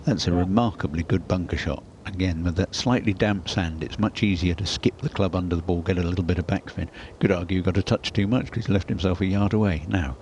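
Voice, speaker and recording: Chatty low-pitched male golf commentator. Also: brisk, hardly any pauses, darkish tone, a little hiss or hum. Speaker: golf commentator, expert analyst. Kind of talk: conversational live golf commentary.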